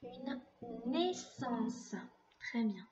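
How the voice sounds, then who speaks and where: A woman teaching a young child to read, saying each word slowly and clearly with patient explanations. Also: on the high side, expressive, darkish tone, dull audio. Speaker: primary school teacher. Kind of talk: slow reading lesson for a young child.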